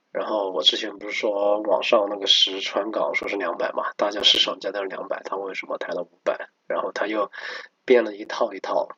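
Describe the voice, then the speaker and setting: Low, slightly husky man commenting casually. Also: bright, forceful tone, no echo. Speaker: narrator commenting on recorded calls. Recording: slightly dull, muffled recording.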